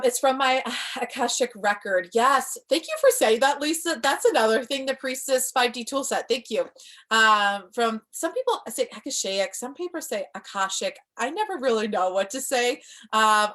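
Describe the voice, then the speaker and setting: A woman's voice: on the high side, a bit bright. Chatty woman teaching spiritual training. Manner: enthusiastic, chatty, reads viewer comments. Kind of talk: casual live-stream teaching.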